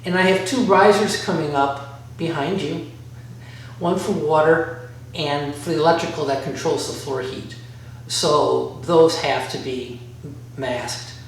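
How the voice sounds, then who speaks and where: A man's voice: a little high, a little slow. A man giving a casual instructional walk-through, rambling a little as he thinks aloud. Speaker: DIY vlogger. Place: bare concrete-floored workshop room by a garage. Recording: very echoey room, distant mic, faint noise.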